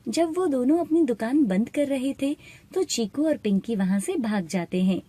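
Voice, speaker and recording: A woman narrating an animated moral story in a steady, plain storytelling manner. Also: fairly high pitch, moderate pace, slightly rough. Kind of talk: scripted narration.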